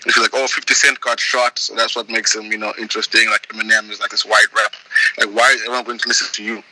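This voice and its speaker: Young guy from zimbabwe, super bright voice, laid back, keeps restarting sentences. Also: on the low side, quick pace, a little hiss or hum, low-quality recording. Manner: relaxed, rambling with many restarts. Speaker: guest, music producer. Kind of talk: casual interview.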